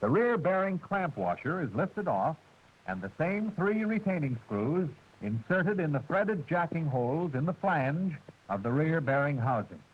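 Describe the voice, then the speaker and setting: A man with a fairly high, husky voice narrates a wartime instructional film, using precise, formal diction and a lively rising-and-falling delivery. He walks through each step in a measured, steady way. The old soundtrack is dull and muffled, with some music underneath.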